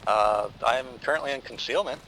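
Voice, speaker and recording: A man's voice: medium pitch, normal speed. A man giving terse, clipped status reports over a walkie-talkie during military roleplay radio traffic. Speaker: squad member reporting in.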